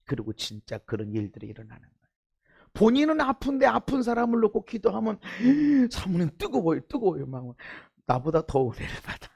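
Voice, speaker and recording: A middle-aged man preaching a sermon as pastor, firing rhetorical questions at the congregation and swinging from hushed, intimate asides to shouted fervor. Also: sits high, big pitch swings, brisk, creaky. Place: church sanctuary.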